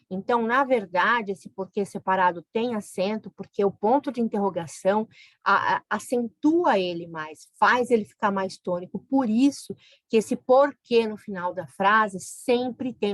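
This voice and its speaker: A woman's voice: medium pitch, no room sound. A woman teaching a grammar lesson, explaining patiently and checking in with the listener. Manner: explains patiently, often adds "né?".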